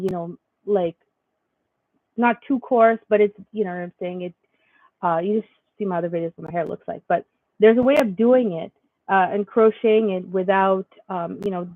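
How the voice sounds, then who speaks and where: A woman's voice: medium pitch, no room sound. A young woman vlogger telling a faith story in a rambling way, full of fillers and restarts. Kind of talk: casual spiritual vlog monologue. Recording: dry tinny lo-fi sound.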